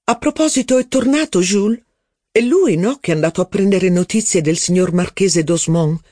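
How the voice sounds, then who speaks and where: A man's voice: high-pitched, normal speed, darkish tone, dry recording, clean studio sound, pitched above the performer's own voice. A man reading the lines of an anxious, servile footman in an audiobook. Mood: eager. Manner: deferential, reporting news eagerly.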